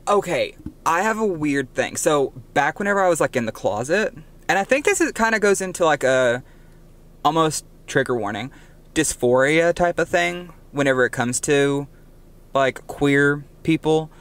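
His voice a little high and fairly bright, this young co-host keeps a moderate pace and lively intonation while telling stories on a casual podcast, often correcting himself. It's recorded on an inexpensive microphone.

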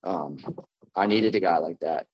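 An American man from New Jersey giving a plainspoken, halting personal testimony in front of an audience at a recovery meeting. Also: sits low, lo-fi sound. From New Jersey, United States. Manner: addressing a live group, plainspoken, halting.

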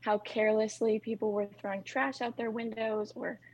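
A woman's voice: fairly high pitch, little pitch movement, normal speed, a little mellow, dull audio. A woman answering as a podcast guest in a casual way, often using "like". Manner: casual, uses "like" and restarts. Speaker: guest, environmental activist.

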